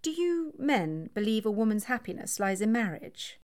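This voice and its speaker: A woman's voice: on the high side, big pitch swings, normal speed, darkish tone, voice pushed up. A woman reading the part of a poised, coolly provocative upper-class young woman in an audiobook. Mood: coolly teasing.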